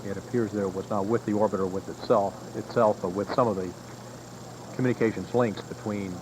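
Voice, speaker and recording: A man giving live countdown commentary as a launch announcer, in a measured, formal way. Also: lowish voice, steady tone. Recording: noisy archival broadcast audio.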